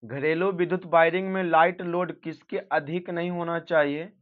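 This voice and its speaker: A man with a fairly high voice reads out exam questions one after another and answers each himself, in a steady teaching manner. The sound is dull and lo-fi. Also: moderate pace. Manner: reads questions then gives answers, self-correcting. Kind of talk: exam practice lesson. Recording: dull lo-fi recording.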